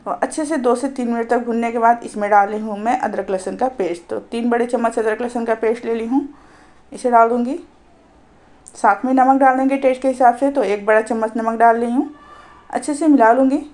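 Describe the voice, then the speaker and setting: A woman hosting a cooking channel, calmly narrating a recipe step by step as a voice-over. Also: a little high, brisk. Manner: calm, instructive, explains each step.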